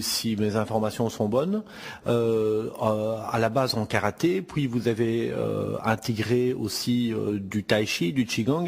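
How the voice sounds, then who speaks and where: A man's voice: mid-range voice, a little mellow, breathy edge, long reverb tail. A man interviewing a martial arts teacher, asking his questions hesitantly with many fillers.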